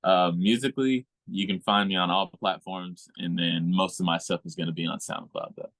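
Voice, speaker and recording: A man's voice: low voice, steady tone, moderate pace, a bit bright, no echo. A young man in his twenties, a musical guest talking in a laid-back way in a casual interview and laughing often.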